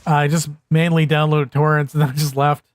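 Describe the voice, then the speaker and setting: Higher-voiced man chatting on stream. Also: flat delivery, a little fast, dry recording. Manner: rambling, self-mocking and sarcastic. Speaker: livestreamer. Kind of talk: casual live-stream chat.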